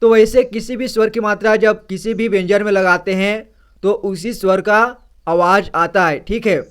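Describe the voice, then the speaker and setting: A man's voice: high-pitched, fairly even intonation, normal speed, fairly bright tone, clean tone. A man teaching beginners to read, saying each word twice, asking what it reads and answering himself, and closing many lines with an okay. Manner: ends many lines with "ठीक है". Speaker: Hindi reading teacher. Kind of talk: slow reading lesson for beginners.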